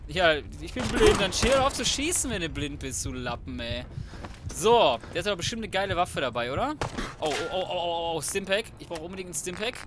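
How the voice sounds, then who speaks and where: Brisk and lively in intonation, this high male voice comes with background noise from video game music and effects. He's a let's player giving cocky, slang-heavy, casual commentary and often mutters to himself.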